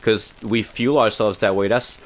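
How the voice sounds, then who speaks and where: A man's voice: lowish voice, fairly even intonation, normal speed. A man interviewing a guest in casual chat, reflective and earnest, with a lot of "like" in his phrasing.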